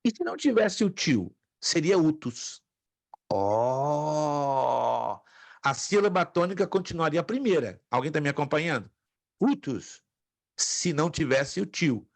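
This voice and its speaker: A man's voice: a little high, animated, brisk, few pauses, breathy edge, no echo. A man teaching a Greek class from his home office, patiently repeating each pronunciation and joking lightly with students. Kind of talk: online lecture.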